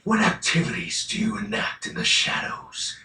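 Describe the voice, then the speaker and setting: A man's voice: bright, forceful tone, recorded from a distance. A man voicing a theatrical, pompous lord of shadows in a video game, making grandiose, commanding proclamations. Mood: grand, brooding. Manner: bombastic, drawn-out commanding proclamations. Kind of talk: video game character acting. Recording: roomy echo, faint music behind.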